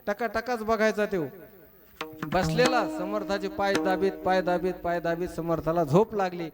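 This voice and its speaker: A man. He tells a devotional story, chanting verses slowly and acting out each character's lines. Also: high-pitched. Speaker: kirtan preacher.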